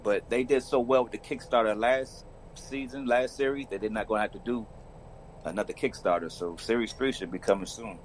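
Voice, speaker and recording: A man's voice: medium pitch, fairly quick, a little hiss or hum, poor audio. A man, a podcast guest talking in a laid-back, colloquial way. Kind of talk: casual chat.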